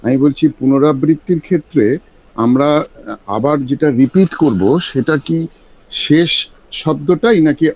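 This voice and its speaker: A man's voice: on the high side, a little slow, pauses often, dark tone, rough recording. A male student, politely asking careful questions in a class.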